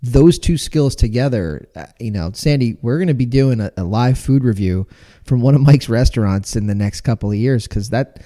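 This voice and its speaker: A man's voice: medium pitch, animated, moderate pace, mellow. A man from the United States hosting a podcast interview, asking long, rambling questions with many restarts. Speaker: podcast host.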